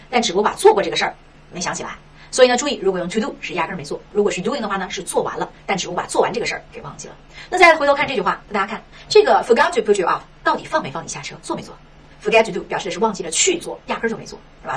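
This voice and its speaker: A woman teaching an English textbook lesson in Mandarin, asking herself questions and tagging many lines with a quick "right?". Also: mid-range voice, distant mic, a little hiss or hum. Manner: lively, rhetorical questions, frequent "是吧".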